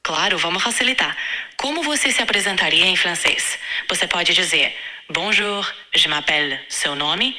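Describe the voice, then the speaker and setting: A woman's voice: fairly low pitch, animated, normal speed, bright, forceful tone. A synthetic female AI voice acting as a language tutor, polite, patient and encouraging.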